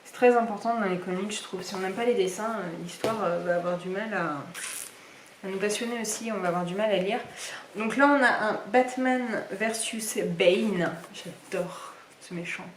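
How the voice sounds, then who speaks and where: A woman's voice: mid-range voice, moderate pace, a little hiss or hum. A young woman chatting casually in a reading vlog, rambling with lots of fillers as she shows her books. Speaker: book vlogger. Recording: echoey room, somewhat far from mic.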